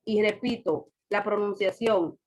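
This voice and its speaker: A woman's voice: mid-range voice, measured pace, a little mellow. A woman teaching a class over a video call, patiently repeating examples and quizzing her students. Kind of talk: online class lecture.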